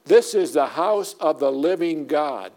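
A man's voice: fairly high pitch, animated, unhurried, a little mellow. A middle-aged man preaching a sermon as pastor, emphatic and repeating his points for weight.

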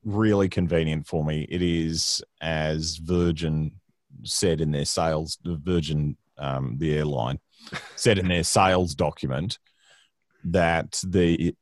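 A man's voice: extremely low pitch, a little mellow, no room sound, studio quality. A man with a Queensland Australian accent, chatting casually in a droll, rambling way. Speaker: guest. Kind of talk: casual joking chat.

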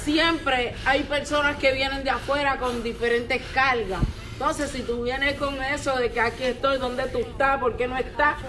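A woman's voice: high-pitched, fairly even intonation, moderate pace, background noise. A woman pastor speaking in an earnest, questioning way during a church teaching talk.

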